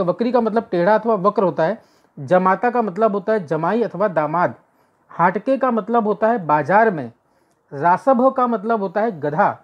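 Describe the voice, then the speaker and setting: A woman teacher explaining a textbook lesson, going through words one by one, repeating herself and correcting her slips. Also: mid-range voice. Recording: dull lo-fi recording.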